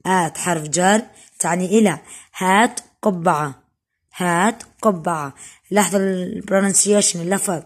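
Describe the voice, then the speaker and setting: Husky woman teaching English words. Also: lowish voice. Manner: explains in colloquial Arabic mixed with English, drills words slowly and loudly. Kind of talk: recorded classroom lesson for children.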